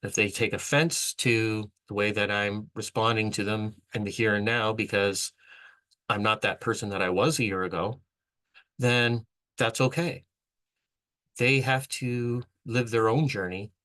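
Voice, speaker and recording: Earnest low-voiced man giving motivational talk. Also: sharp tone, rough recording. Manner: earnest, rambling with restarts. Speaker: vlog host. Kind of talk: motivational monologue.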